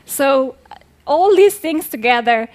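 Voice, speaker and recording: Young woman from Afghanistan, earnest live stage talk, slightly high voice, headset mic. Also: expressive, slow. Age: 20s. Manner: earnest, plain phrasing, with hand gestures. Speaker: speaker. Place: large dark theater stage.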